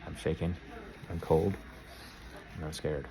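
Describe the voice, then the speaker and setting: Gravelly, low-voiced nervous man in his fifties. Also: fairly even intonation, a little slow. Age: 50s. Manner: nervous, rambling, self-deprecating. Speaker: vlogger. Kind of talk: casual video diary. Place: car, then hospital room.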